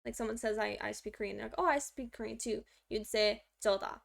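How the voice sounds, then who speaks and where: Talking fast in a creaky voice, a young woman livestreams her Korean studies and walks through grammar chattily, full of fillers and self-deprecation. Now and then she speaks to a pet in a high baby voice.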